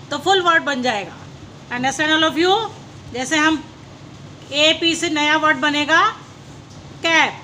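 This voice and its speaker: A woman teacher, slowly spelling out letters and sounding them one by one in a phonics lesson for young learners. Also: high voice, bright, forceful tone, a little hiss or hum.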